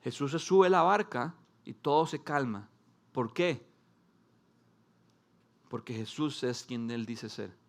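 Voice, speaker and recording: A man preaching a sermon to a congregation, speaking in short emphatic phrases with dramatic pauses and at times rising into animated storytelling. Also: mid-range voice. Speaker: pastor. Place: church service before a congregation.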